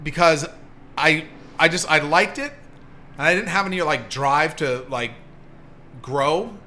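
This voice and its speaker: A man's voice: fairly high pitch, measured pace, pushed and bright, a little hiss or hum. A man talking as a podcast guest, telling blunt, profane stories about film work and laughing along the way. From Hollywood, California. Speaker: podcast guest, producer and author. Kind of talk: casual chat.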